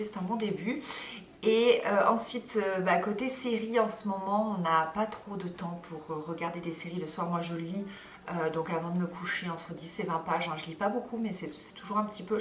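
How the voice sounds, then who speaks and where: A woman in her thirties talks casually to her viewers, tired and rambling with fillers and quick asides. Her voice sits a little low. The sound is roomy and picked up from a small distance. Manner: chatty, many fillers, animated asides. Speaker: lifestyle vlogger. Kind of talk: casual chat to camera. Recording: roomy echo, mic a bit far.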